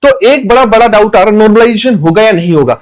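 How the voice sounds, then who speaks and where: A man's voice: sits high, animated, fast. A man teaching an exam-prep lecture, emphatic, repeating key points and answering his own questions. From India.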